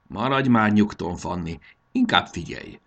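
A man's voice: lowish voice, expressive, a bit bright, lo-fi sound, a little hiss or hum. A man voicing a young boy who boasts and acts brave while he is afraid of heights. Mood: cheerful, bossy. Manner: boastful, then nervous and bracing himself. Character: adventurous young boy, proud but scared of heights.

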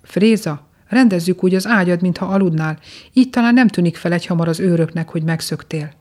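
A woman's voice: on the low side, a little mellow, lightly acted. Woman reading as a protective captive king. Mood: earnest. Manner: earnest, reassuring.

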